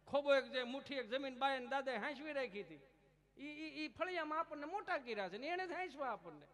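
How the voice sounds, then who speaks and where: A man telling comic folk stories on stage at a village gathering, teasing and lively. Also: very high-pitched, fairly quick. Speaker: folk storyteller and comedian.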